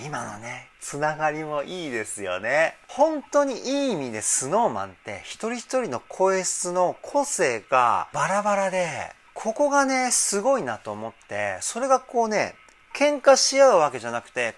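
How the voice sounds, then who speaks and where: Breaking down a music video's vocals, a man who works as a vocal trainer keeps things casual and enthusiastic, cutting in with excited comments along the way. He speaks at a fairly high pitch.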